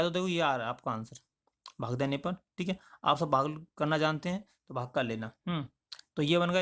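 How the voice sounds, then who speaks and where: A man with a slightly high voice teaching maths as a voice-over. He goes step by step, talking through each part and often stopping to check in with "okay". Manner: explains in plain spoken steps, with frequent checks like "okay". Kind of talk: step-by-step lesson explanation.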